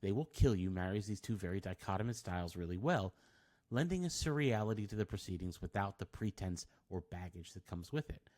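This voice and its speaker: A man's voice: sits low, animated, a little fast, darkish tone. A man reading a scripted film review, with wry, dry asides.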